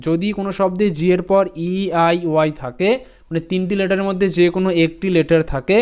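A man with a slightly high, smooth, resonant voice leads a phonics lesson. He spells each word letter by letter, repeats it slowly, and checks in with his students. The recording sounds a little dull and muffled. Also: fairly even intonation, a little mellow. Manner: addresses students directly with "ঠিক আছে?". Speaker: English teacher.

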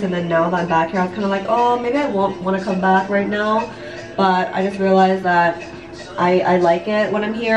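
A woman in her late twenties, on the low side in pitch, does her makeup in her bathroom at home while confiding casually in her viewers. She's a vlogger and online business coach who rambles a little, fills her speech with "like" and "you know," and swears occasionally. The recording is echoey, from a camera about a step or two away.

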